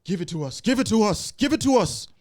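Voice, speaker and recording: A man's voice: a little high, expressive, moderate pace, a little mellow, breathy edge, voice pushed up. A man voicing a creepy chorus of hungry ghosts, eerie and hissing, with greedy, insistent chanting.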